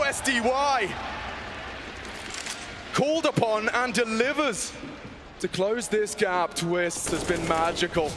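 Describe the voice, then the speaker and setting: A man casting esports live, giving excitable, dramatic play-by-play with theatrical, flowery phrasing that builds to shouts. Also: high voice, background noise. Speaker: esports caster.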